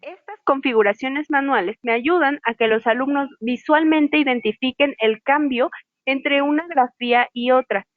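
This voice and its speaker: A woman teaches sign language online, calmly spelling out letters one at a time. Her voice sits a little high. The sound is dry and muffled, like lo-fi video call audio. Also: moderate pace, no room sound. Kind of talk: online class instruction. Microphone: video call microphone.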